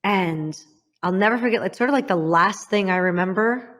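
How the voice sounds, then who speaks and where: A woman from the US Midwest, a podcast host telling a painful personal story to a guest in a candid, halting way, her voice sinking low and soft at hard moments.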